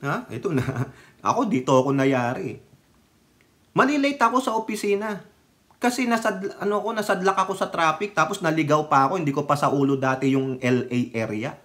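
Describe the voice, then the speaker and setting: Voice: medium pitch, animated, fairly quick, a bit bright. A middle-aged commentator from the Philippines, talking politics in a fiery, casual way and firing off rhetorical questions.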